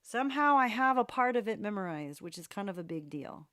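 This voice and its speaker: A woman's voice: mid-range voice, lively intonation, moderate pace, a bit bright, dry recording, studio quality. A woman hosting a live piano-request stream, playfully chatting and answering viewers. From United States. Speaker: live-stream pianist host. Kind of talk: casual live-stream chat.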